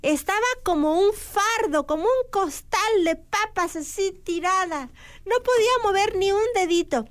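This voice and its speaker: Woman doing a high-voiced sore seagull. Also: unhurried. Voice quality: fond of cute diminutives. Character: female seagull, sore and good-humored. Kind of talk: children's radio character show.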